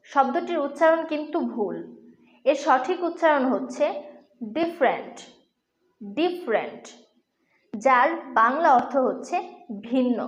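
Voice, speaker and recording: High-voiced woman teaching pronunciation. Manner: slow, deliberate repetition of words. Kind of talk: scripted lesson narration. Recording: echoey room.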